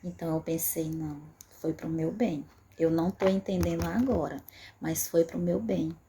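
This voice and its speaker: A woman's voice: on the low side, fairly even intonation, normal speed, mellow, slight background noise. A woman giving an earnest personal faith testimony, repeating phrases for emphasis. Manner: earnest and repetitive, emphatic with frequent fillers.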